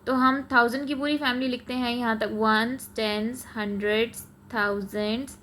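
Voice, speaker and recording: A woman's voice: fairly high pitch, steady tone, takes it slowly, fairly bright tone, slight background noise. A woman with a Pakistani accent teaching a math lesson, explaining patiently as she writes. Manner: mixes Urdu-Hindi with English terms, patient and repetitive. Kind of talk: explaining a math lesson while writing on a board.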